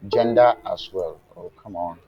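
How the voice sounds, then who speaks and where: Soft background music plays under a man giving a live online coding class, his low, dark voice captured dry and lo-fi. He checks that students are following and asks "what?" so they fill in answers, speaking slowly and deliberately with fillers and restarts. At times his voice goes faint on the remote link.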